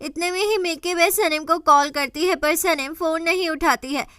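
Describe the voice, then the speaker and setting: A woman tells an episode recap in a steady, scene-by-scene storytelling manner. Her voice sits high and bright. The sound is dry and close, with no room echo. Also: normal speed. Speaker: drama recap narrator.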